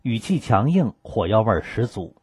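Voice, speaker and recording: A man reading a first-person account aloud for a radio program, in a calm, measured storytelling manner. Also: on the low side, slightly rough, no room sound, clean studio sound. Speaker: radio reader. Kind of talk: scripted first-person narration.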